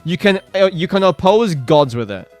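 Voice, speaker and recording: A man's voice: sits high, sing-song, moderate pace, darkish tone, soft background music. A man chatting casually on a live game stream, rambling with lots of filler words and reacting to chat.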